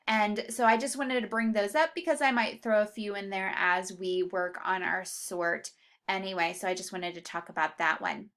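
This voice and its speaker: A woman's voice: medium pitch, fairly even intonation, moderate pace, a bit bright. A woman teacher giving a careful spelling lesson to students, drawing out the example words.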